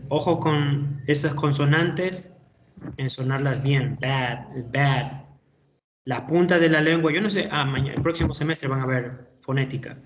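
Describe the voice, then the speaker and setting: A middle-aged man with an Ecuadorian Spanish accent, giving feedback to students in an online class, slow and explanatory with many hesitations. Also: a little high, lo-fi sound, slight background noise. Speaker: English teacher.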